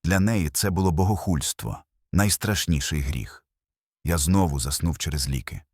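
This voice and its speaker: A man's voice: rumbling low, moderate pace, a little mellow, breathy edge, no echo, studio quality. An older man narrating his own testimony in the first person, earnest and emotional, in short phrases.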